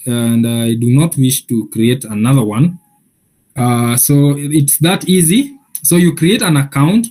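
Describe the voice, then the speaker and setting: A man giving a software training session, explaining each step patiently with many pauses and filler sounds. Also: fairly high pitch. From Kenya.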